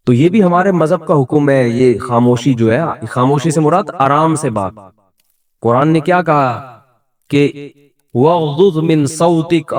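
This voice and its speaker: Animated middle-aged man giving a religious talk. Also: on the high side. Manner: animated, humorous, asks the audience questions; acts out quoted voices within the talk. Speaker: Islamic scholar giving a talk. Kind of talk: conversational religious lecture.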